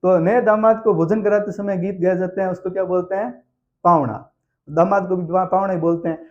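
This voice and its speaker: A male teacher with a high, mellow voice tells a lively story to make exam facts stick. He repeats the key answers like a drill. The recording sounds a little dull and lo-fi. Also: a little fast. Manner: animated storyteller who acts out aunts and sings snatches of songs. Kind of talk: exam-prep lesson with storytelling.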